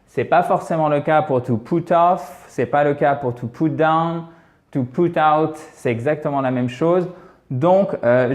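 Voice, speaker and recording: A man's voice: medium pitch, a little mellow. A man teaching an English lesson in French, explaining patiently and checking in often with his students.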